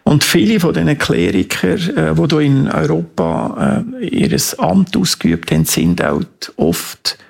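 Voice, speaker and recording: A man's voice: a little high, very animated, a little slow, creaky, hardly any pauses, husky. A man with a Swiss German accent giving earnest, emphatic interview answers as an activist, often checking for agreement with tag questions. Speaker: activist and foundation head interviewed.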